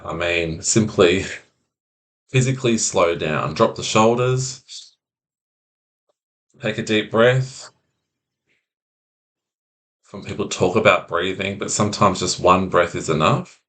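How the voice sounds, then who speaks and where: Male anxiety coach, very low voice, slow soothing delivery, talks straight to camera. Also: expressive, a bit bright. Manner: slow, soothing, repetitive phrasing. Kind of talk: calm instructional monologue.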